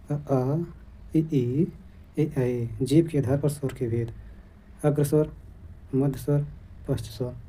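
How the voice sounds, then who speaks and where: Dark-voiced male teacher dictating. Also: medium pitch. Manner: steady, dictation-like listing of terms. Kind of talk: exam-prep grammar lesson.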